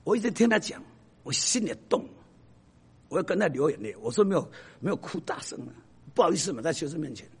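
A man who is a professor, telling stories to an audience in an emphatic, animated way that drops to a hush for the sad parts. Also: on the high side, quick pace, breathy edge. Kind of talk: storytelling talk to an audience.

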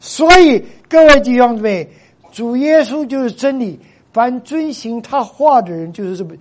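A man's voice: very high voice, animated, moderate pace. A male pastor preaching a sermon to his congregation. He stresses points by repeating himself and often drops English phrases into his Chinese.

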